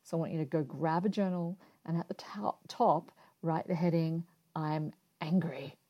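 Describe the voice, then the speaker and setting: A woman giving calm, encouraging relationship advice, speaking straight to the listener in an instructional talk. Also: low-pitched, normal speed, highs cut off.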